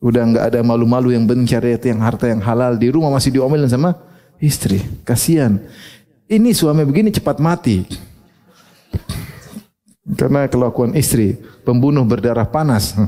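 A man giving a humorous, animated sermon, acting out short quotes. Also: medium pitch, moderate pace, pauses often. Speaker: Islamic preacher.

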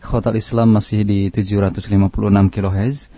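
A man's voice: on the low side, little pitch movement, fast, no room sound, dull audio. A male radio host announcing segments and taking calls, heard as an AM radio broadcast. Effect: AM radio broadcast sound.

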